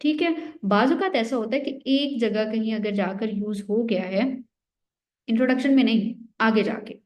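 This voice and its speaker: A young woman gives an exam-prep lecture in a fairly high voice. She walks through each point step by step, often posing a question and answering it herself. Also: normal speed, dull audio. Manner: explains step by step, often asks and answers her own questions. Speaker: teacher.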